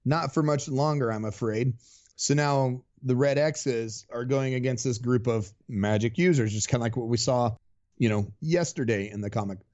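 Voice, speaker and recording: A man's voice: mid-range voice, moderate pace, darkish tone, lo-fi sound. A man co-hosting a podcast, casually retelling a comic in a rambling way, full of fillers. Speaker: podcast co-host. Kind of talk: casual chat recapping a comic.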